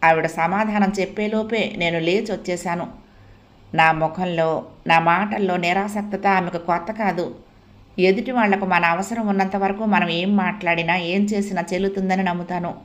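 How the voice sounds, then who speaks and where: A woman narrating a family story as an audiobook, in a soft, reflective first-person telling. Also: fairly low pitch, steady tone, moderate pace.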